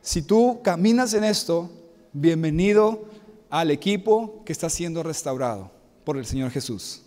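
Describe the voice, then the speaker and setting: High-voiced pastor in a reverberant church. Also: male voice, lively intonation, a little slow, warm tone. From Mexico. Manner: earnest, repeats key phrases, asks the congregation to respond. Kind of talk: sermon. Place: church sanctuary. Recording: long hall reverb.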